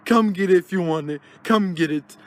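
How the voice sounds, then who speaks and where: Sneaky loud plush seeker, voiced by a man, calling out high. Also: moderate pace, lightly acted. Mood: wheedling. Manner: loud wheedling announcements. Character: Ted, coughing plush toy, sneaky seeker. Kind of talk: plush toy puppet skit.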